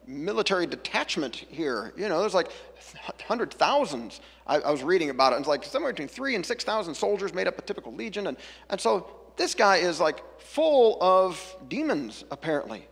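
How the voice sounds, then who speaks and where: A man's voice: high-pitched, sing-song, fairly quick, vocal fry, a bit bright, slightly rough, long reverb tail. A man preaching a casual, chatty sermon, breaking off into jokey asides and back. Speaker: pastor. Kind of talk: conversational sermon.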